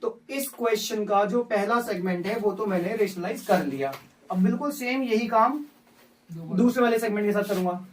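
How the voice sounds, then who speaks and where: A man's voice: high voice, normal speed, a little hiss or hum. Man teaching maths to a class. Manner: repeats steps, asks class questions. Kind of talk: live classroom lesson. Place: classroom with students. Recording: distant from mic.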